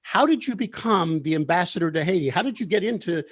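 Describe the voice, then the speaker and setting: Guy hosting an interview, kinda high voice, friendly check-ins, dry mic. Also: lively intonation, fast talker, no room sound. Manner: friendly, leading questions that seek confirmation. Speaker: interviewer, host. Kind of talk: conversational interview.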